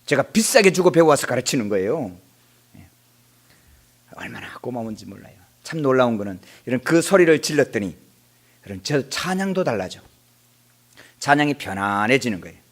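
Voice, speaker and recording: A middle-aged man preaching a sermon as pastor in a church, swinging between quiet asides and loud bursts. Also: medium pitch, moderate pace, long pauses. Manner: animated preaching, dropping to quiet asides then shouting out. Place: church sanctuary.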